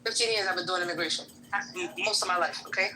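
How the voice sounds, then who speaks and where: Speaking fast in a lowish, pushed and bright voice, a New York immigration law clerk gets heated in a casual voice-chat room, swearing, talking bluntly and rattling off rhetorical questions. She's on a phone mic through the app, so the quality is low, with slight background noise.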